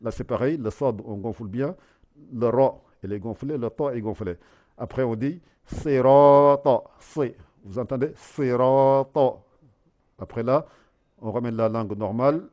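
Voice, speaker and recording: A man teaching how to recite the Quran, explaining the rules and then drawing out the sounds slowly, syllable by syllable, as he repeats them. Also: medium pitch, warm tone.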